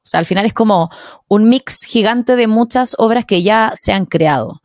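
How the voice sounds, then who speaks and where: A Chilean woman in her thirties, a singer-songwriter guest on a podcast, talking in a relaxed, chatty way with plenty of fillers. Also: medium pitch, normal speed. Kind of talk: casual podcast interview.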